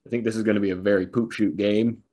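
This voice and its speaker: Lowish dude cohost rambling about fantasy football, kinda self-deprecating. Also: male voice, steady tone, quick pace, dark tone. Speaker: podcast co-host. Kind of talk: casual sports talk.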